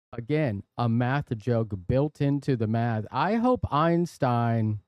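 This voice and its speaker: A man's voice: medium pitch, darkish tone, no echo. A man hosting a live stream from his workshop, chatting casually and playfully reading out viewer jokes. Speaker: livestream host. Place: workshop and studio.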